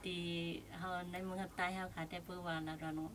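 A woman's voice: on the low side, little pitch movement, fairly quick, a bit bright, slight background noise. A woman speaking conversationally as a guest on a radio talk show.

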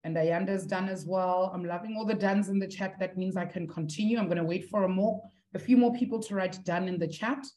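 Casting: woman as an online maths teacher, warm low voice, encouraging. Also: steady tone, a little fast, few pauses. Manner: encouraging, talks to students through the chat. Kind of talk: live online maths lesson.

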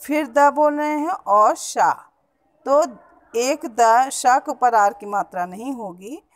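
A woman teacher giving a Hindi grammar lesson on pronunciation to schoolchildren, with a Hindi accent from around Allahabad, explaining step by step and repeating words slowly to correct them. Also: high-pitched. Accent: Hindi as spoken around Allahabad.

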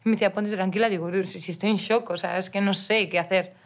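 A woman's voice: medium pitch, steady tone, fast. A young woman from Mallorca, a guest on a podcast, telling a personal story in casual chat with frequent restarts and quoted dialogue. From Mallorca, Spain. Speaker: guest, professional footballer.

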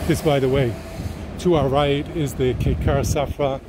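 A man working as a tour guide, calmly pointing out buildings and trams as he walks down a city street. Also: mid-range voice, normal speed. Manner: explains sights calmly while walking. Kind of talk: walking tour narration. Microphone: handheld camera while walking. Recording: outdoor street noise. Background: street and tram noise.

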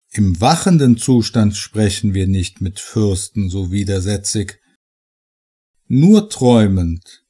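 A man recites verse at an unhurried, deliberate pace. His voice is dark and mellow, and he lets his delivery swell dramatically on key lines. It is a scripted poetry reading. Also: fairly low pitch. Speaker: narrator reading a poem.

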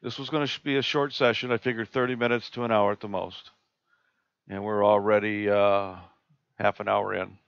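A man presenting a live screen-share tutorial on a video call, talking in a relaxed, halting way with many fillers and restarts. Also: lowish voice, gravelly, clean tone, no room sound. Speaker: astronomy club presenter. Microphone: computer mic on a video call. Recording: dull lo-fi video call audio.

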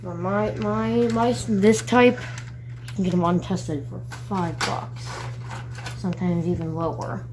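A woman's voice: fairly low pitch, steady tone, unhurried. Rambling, giggly woman with a noisy background. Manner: rambling and giggly, with many fillers. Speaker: hobby video host. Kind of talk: casual chat while working on a hobby. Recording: noticeable background noise.

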